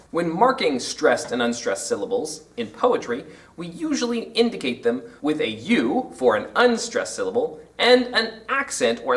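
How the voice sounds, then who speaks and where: A man explaining poetry terms in an educational video lesson, with emphatic, drawn-out example words. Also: on the high side, a bit bright, distant mic.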